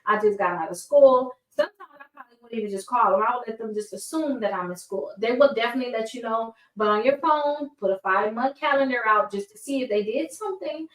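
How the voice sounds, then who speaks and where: A woman with a fairly high voice gives an informal, chatty lesson straight to her viewers. She talks with braces, which slightly hamper her words, and she now and then stumbles and corrects herself. The sound is roomy and a little distant from the mic. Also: quick pace, hardly any pauses, a bit bright. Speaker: host of a personal finance course. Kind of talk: casual instructional talk to viewers. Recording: roomy, echoey, far from mic.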